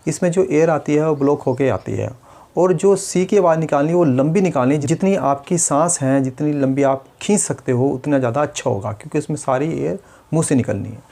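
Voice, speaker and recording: A man, a speech therapist calmly explaining exercises step by step. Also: fairly high pitch, brisk. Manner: patient, step-by-step, demonstrates sounds. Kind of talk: instructional demonstration.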